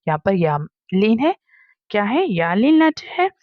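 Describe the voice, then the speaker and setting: A woman's voice: medium pitch, big pitch swings, measured pace, no room sound, dull audio. Woman teacher patiently spelling out Arabic letters. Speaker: Quran reading teacher. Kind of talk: step-by-step spelling lesson.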